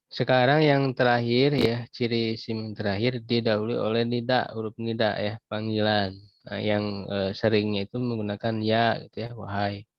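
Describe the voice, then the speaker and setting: A man teaching Arabic grammar in an online class, explaining patiently and pausing to clear his throat. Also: lowish voice, flat delivery, no room sound. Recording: dull lo-fi video call audio, dry.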